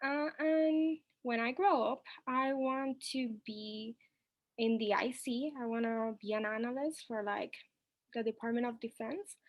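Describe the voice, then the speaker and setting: A woman's voice: fairly high pitch, unhurried, dull audio. A young woman student speaking in a determined, emphatic way about her goals on a video call. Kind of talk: self-introduction on a video call.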